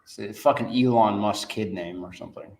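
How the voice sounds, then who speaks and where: A man's voice: lowish voice, fairly quick, darkish tone. A man co-hosting a podcast, chatting casually, joking and swearing as he riffs. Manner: joking, profane, riffing. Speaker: podcast co-host. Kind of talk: casual chat.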